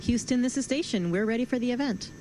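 Woman astronaut, measured radio-call delivery, heavy hiss on a distant space radio link. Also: on the high side. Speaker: astronaut aboard a space station.

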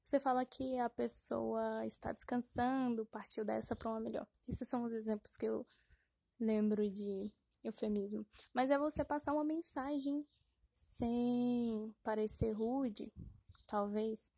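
On a dry recording, a podcast host speaks in a slightly high yet dark, creaky voice, unhurried and with fairly even intonation. Hosting casually on her own, she rambles, corrects herself, fills gaps with fillers, and pokes fun at herself with laughter.

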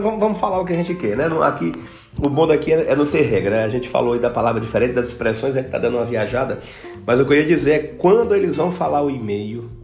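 A Brazilian man with a Brazilian Portuguese accent hosting a casual podcast, chatty and animated when telling anecdotes. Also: mid-range voice. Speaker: podcast host. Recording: roomy echo with faint guitar music.

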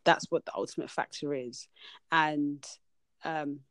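A woman's voice: low voice, fairly even intonation, unhurried, fairly bright tone, no room sound. A young woman hosting a casual podcast chat. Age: young adult. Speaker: podcast host.

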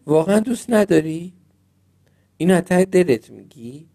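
A man voicing a kind young female fairy in training, speaking gently and soothingly in a storybook reading. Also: medium pitch, natural voice. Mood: sad.

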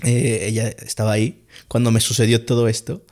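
A man's voice: fairly low pitch, level tone, brisk, a little mellow. A man with a Mexican accent, a podcast guest telling a story in casual chat, rambling and slangy with lots of fillers.

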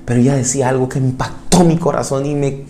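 Male pastor, mellow gravelly voice, fervent sermon delivery, hushed pleas rising to loud peaks, direct questions to the congregation. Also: medium pitch, steady tone, fast talker, a little hiss or hum. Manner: fervent preaching, swinging between hushed pleas and loud climaxes; asks the listener direct questions.

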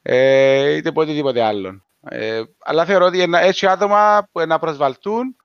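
A man with a Cypriot Greek accent, co-hosting a podcast in a measured, explanatory casual discussion. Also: on the high side, clear, resonant tone, dry recording, muffled recording. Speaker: podcast co-host.

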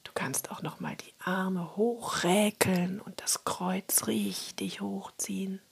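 A woman guiding a relaxation meditation in a soft, soothing spa-like whisper, breathy and husky. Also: medium pitch, steady tone, slow pace. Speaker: relaxation exercise guide.

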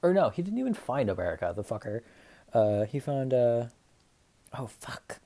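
A man's voice: medium pitch, big pitch swings, a little fast, warm tone. A young man hosting a casual solo podcast, rambling and profane, cracking self-deprecating asides. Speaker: podcast host.

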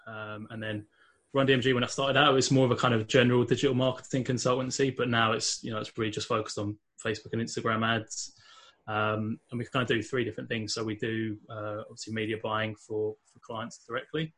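On a podcast, this English man talks casually in a London accent, his medium-pitched, slightly bright voice delivered flatly at a quick pace. He uses many fillers and restarts, in a relaxed interview style.

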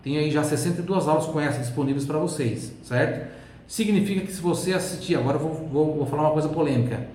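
A Brazilian Portuguese-accented man teaching an online language lesson. He drills words in slow repetitions and keeps checking in with the viewer. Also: a little high, a little mellow, a little hiss or hum. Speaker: Italian teacher. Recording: echoey room, faint ambience.

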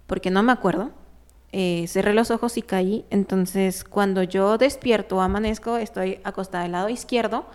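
A woman telling a personal story in casual conversation, animated and often laughing, with many fillers. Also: mid-range voice, moderate pace, smooth.

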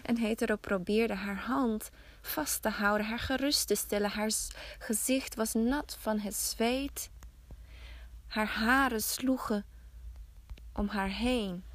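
A woman podcast host telling a folk tale slowly, often dropping to a hush. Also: fairly high pitch. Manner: slow, hushed, often whispering. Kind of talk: storytelling narration.

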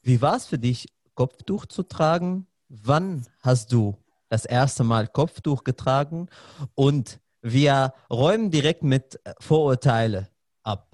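A man's voice: mid-range voice, animated, darkish tone, no room sound. Male interviewer, hesitant delivery, dry close sound. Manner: halting, many fillers and restarts. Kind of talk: conversational interview.

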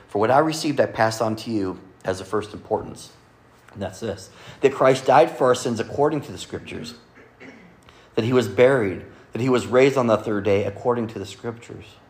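A man preaching a Sunday sermon to a congregation, earnestly quoting scripture and often dropping to a soft, quiet delivery. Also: mid-range voice. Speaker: pastor. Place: church service with congregation.

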